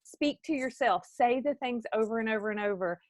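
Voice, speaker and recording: Brief: middle-aged woman, team leader, animated pep talk, slightly high voice, dry close sound. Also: a little fast, no echo. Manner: animated, talks straight to viewers by name. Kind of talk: motivational live video talk.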